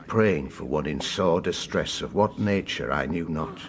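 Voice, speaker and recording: In a radio drama, an older man plays a compassionate confessor, his low voice measured, solemn and formal in phrasing, with a grave mood. Faint ambience and slight background noise sit behind him.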